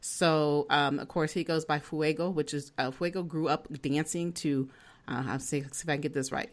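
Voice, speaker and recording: This low-voiced woman co-hosts a casual podcast at a normal speed with fairly even intonation. She's chatty and bubbly, laughing easily as she introduces the guest and asks questions.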